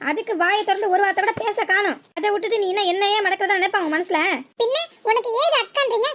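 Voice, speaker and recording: In cartoon voice acting, a performer gives a blunt, exasperated village husband a very high, sharp voice at a quick pace. The character scolds and lectures with a southern Tamil Nadu accent.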